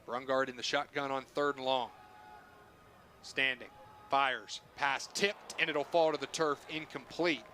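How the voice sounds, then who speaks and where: A male play-by-play announcer with a bright, forceful voice calls a football game live. He speaks in short phrases that track the action, with faint stadium noise behind him. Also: medium pitch, fairly even intonation, measured pace. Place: stadium broadcast booth.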